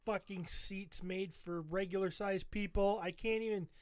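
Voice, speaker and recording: A man's voice: high-pitched, fairly even intonation, a little slow, no room sound. A man co-hosting a podcast, casually telling a rambling trip story over photos and cursing a lot. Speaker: podcast co-host.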